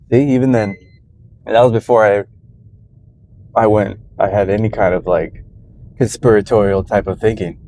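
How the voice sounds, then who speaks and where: Low-voiced man musing while driving. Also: slow pace, pauses often, mellow, a little hiss or hum. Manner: rambling, musing aloud. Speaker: vlogger. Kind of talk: casual driving vlog monologue. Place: in a car.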